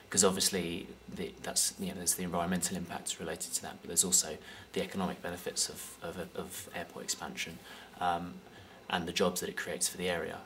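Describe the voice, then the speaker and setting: A young Englishman with a very low, gravelly voice gives casual interview answers. He stops and starts often, filling his gaps with ums. His accent is English. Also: a bit bright, a little hiss or hum. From United Kingdom. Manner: hesitant, many fillers and restarts. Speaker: guest.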